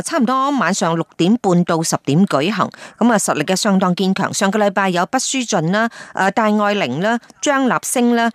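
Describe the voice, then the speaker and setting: A woman hosts a radio feature in a chatty, easygoing way. Her pitch rises and falls a lot, and the sound is dry and close. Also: dry recording. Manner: chatty, lively, many pauses and fillers. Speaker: radio host. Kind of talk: Cantonese radio feature report.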